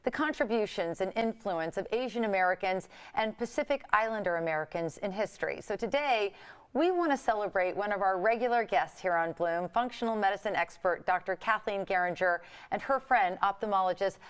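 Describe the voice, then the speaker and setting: A woman's voice: mid-range voice, expressive, a little fast, clean tone. A woman hosting a TV wellness show from a studio. She asks questions in an effusive way, heaping praise on her guests. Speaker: TV show host. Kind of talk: TV interview.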